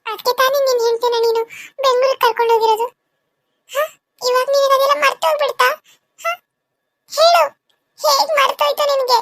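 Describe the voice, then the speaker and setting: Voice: extremely high pitch, steady tone, a bit bright, no room sound, clean studio sound. A performer voicing a vengeful female ghost, a murdered second wife, who taunts and accuses her killer in a cartoon serial. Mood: accusing. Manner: accusing, taunting, drawn-out wails.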